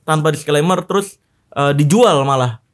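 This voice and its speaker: High-voiced man telling stories with frequent laughs. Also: moderate pace. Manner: laughs often, mocking, lively storytelling. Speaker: magician guest. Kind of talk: casual podcast chat.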